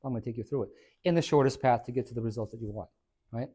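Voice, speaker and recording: A man who is a fitness trainer, giving an informal, energetic talk to a small audience. He quizzes the listeners and tags many points with "right?". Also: medium pitch, very fast, husky. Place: hair and skin salon, indoors.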